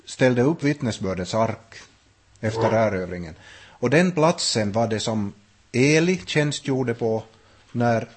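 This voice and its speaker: A man gives an unscripted Bible lesson, pausing and restarting as he works through ideas. His voice is husky and sits in a middling register. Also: mid-range voice, darkish tone. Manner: thoughtful, with frequent restarts and hesitations. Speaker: Bible teacher. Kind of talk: unscripted Bible study talk.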